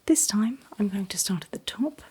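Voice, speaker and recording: A woman doing a whispered role-play as a calm dentist, speaking in a breathy whisper with gentle, reassuring, unhurried instructions. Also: mid-range voice. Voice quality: breathy, mostly unvoiced whisper. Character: calm, attentive dentist soothing a patient. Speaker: ASMR performer playing a dentist.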